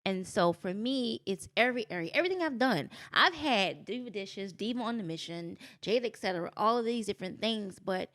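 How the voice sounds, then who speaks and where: A woman's voice: a little fast, few pauses. A woman chatting as a podcast guest, recounting her own story with energy. She talks casually, and her voice leaps upward whenever she acts out what others said. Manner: animated storytelling, jumps into high voices for quotes.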